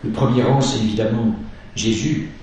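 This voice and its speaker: A man's voice: mid-range voice, darkish tone, distant mic, a little hiss or hum. Man preaching in an echoey church. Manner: slow, measured teaching with scripture reading. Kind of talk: sermon.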